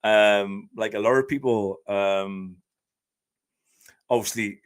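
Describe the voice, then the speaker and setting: This guest on a podcast has a Geordie accent from northeast England and is described as being from Scotland. His fairly low voice is steady, slow and smooth as he talks earnestly in a casual interview, full of fillers and restarts.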